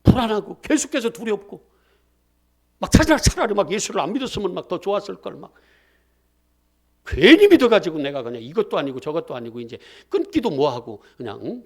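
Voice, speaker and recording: A man preaching a sermon as pastor, throwing questions at the congregation and answering them himself in a lively call-and-response style. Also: high voice, breathy edge.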